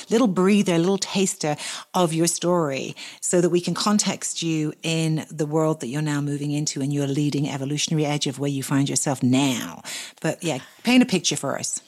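A woman hosting a podcast, talking in an effusive, slow and emphatic way. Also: low voice. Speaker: podcast host. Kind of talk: casual spiritual podcast chat.

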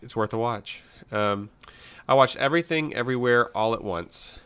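A man co-hosting a podcast gives blunt, slangy, easygoing takes on the shows and films he has seen lately. His voice is medium-pitched, clean and fairly bright, at a moderate pace.

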